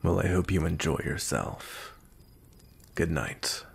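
A man plays a grumpy, cold, commanding vampire knight in an ASMR roleplay, his low-pitched voice husky and gravelly. His stern, measured speech comes across as gruff but softened.

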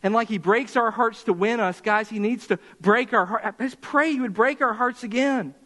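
A man with a high, light voice preaching to his congregation in a church sanctuary. He talks in an impassioned way and slows right down to press his points home. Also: a bit bright. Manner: impassioned preaching, slowing for emphasis. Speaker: pastor. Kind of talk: sermon.

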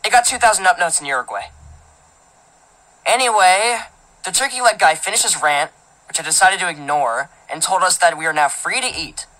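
A woman's voice: on the low side, normal speed, sharp tone, poor audio. A woman narrating a teenage boy's first-person story as an audiobook, in a casual, filler-filled, indignant manner. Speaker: audiobook reader.

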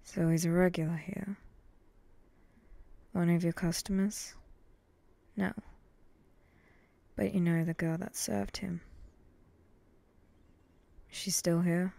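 Woman doing a brooding samurai, ASMR role-play, breathy n dark, real slow, short flat lines. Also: on the low side, dry recording, heavily acted. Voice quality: breathy, often dropping in a soft voice. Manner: slow, terse, deadpan. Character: brooding, vengeful samurai, guarded and curt.

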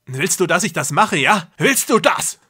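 A man voicing a cruel, deluded young man who believes he is a god, speaking loudly and feverishly. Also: high voice, big pitch swings, a little slow, husky, voice pushed up, full character voice. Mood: raving menacing. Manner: loud, intense, feverish delivery.

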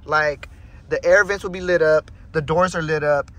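This young man's voice is on the high side and fairly bright, with a steady tone and a moderate pace. He's vlogging from his car through a dashboard phone camera, chatting casually with lots of swearing and laughter.

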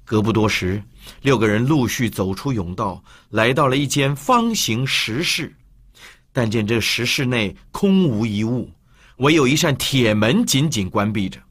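A man narrating an audiobook in an expressive storytelling manner. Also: medium pitch, a little slow, husky. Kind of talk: scripted narration.

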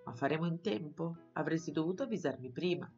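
A determined young onion boy from a storybook, earnest and loyal, in a low, warm register, as a woman puts him on. The recording is slightly muffled, with gentle music behind. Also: lively intonation, quick pace.

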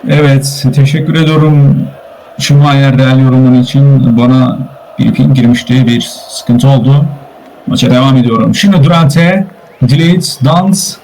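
A man calling a live online football game, rattling off player names and rising to shouts at big chances. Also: mid-range voice, steady tone, slight background noise, low-quality recording. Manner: rapid name-calling, rising to shouts at goals. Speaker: play-by-play commentator. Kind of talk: live esports commentary.

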